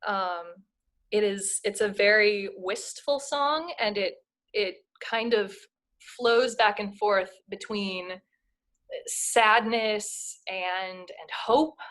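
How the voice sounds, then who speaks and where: Hesitant, slow-talking woman student singer. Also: medium pitch, a bit bright. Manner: hesitant, with nervous laughs. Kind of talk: answering questions in a class. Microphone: video call.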